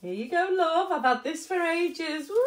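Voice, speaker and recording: Actress as a middle-aged fussing mother, lively high voice, roomy video-call sound. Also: heavily acted. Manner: chatty, fussing, homely. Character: fussy, doting middle-aged mum. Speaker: mother of the bride. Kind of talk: comedy short film acting.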